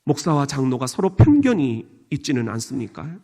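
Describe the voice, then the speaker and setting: A man's voice: mid-range voice, big pitch swings, normal speed, dark tone. A middle-aged man with a Chungcheong Korean accent, preaching a sermon as a pastor and playfully mimicking regional dialects.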